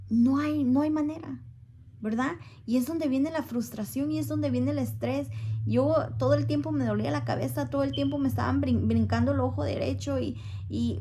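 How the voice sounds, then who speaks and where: Earnest woman giving church testimony, gravelly edge. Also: a little high, a little mellow, slight background noise. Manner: earnest, pleading, asks listeners for agreement. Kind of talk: spoken testimony to a congregation.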